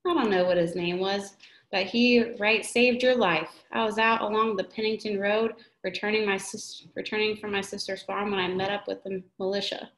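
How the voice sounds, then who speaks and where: A woman reading the lines of a kind, gentle older farmer in a storybook. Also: medium pitch, fairly even intonation, moderate pace, reverberant, close to an everyday voice, poor audio. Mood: kindly.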